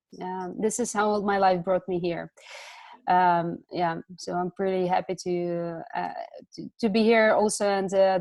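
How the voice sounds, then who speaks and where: A woman's voice: fairly low pitch, darkish tone, no room sound. A woman from Ukraine speaks over a video call from her home. She talks hesitantly, full of fillers and restarts, as a community organizer and guest. The sound is close and dry, with no room around it. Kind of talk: casual online talk.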